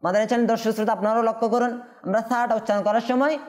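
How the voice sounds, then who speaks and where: A woman's voice: fairly high pitch, steady tone, very fast, a little mellow. A woman teaching Quran letter pronunciation, patiently drawing out each sound and asking her pupils rhetorical questions. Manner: asks rhetorical questions to the class.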